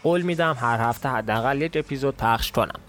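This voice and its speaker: A man, the host, reading a fantasy tale aloud in a steady, measured storytelling voice. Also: mid-range voice, faint music behind. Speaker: podcast host and narrator. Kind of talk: storytelling narration.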